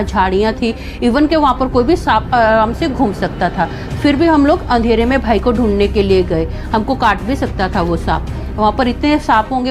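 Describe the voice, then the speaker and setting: ऊँची आवाज़ में बोलती युवा महिला. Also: female voice, on the high side. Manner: chatty, acts out quoted dialogue. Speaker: storyteller. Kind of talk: casual first-person storytelling.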